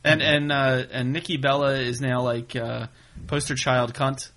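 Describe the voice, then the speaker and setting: A man's voice: medium pitch, flat delivery, unhurried, a bit bright, slight background noise. A man co-hosting a casual chat, blunt and opinionated, swearing freely. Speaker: podcast co-host.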